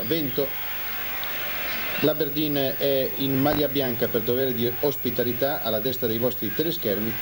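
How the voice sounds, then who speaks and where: A man giving measured live football commentary as the television play-by-play announcer. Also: medium pitch. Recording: noisy old TV broadcast audio.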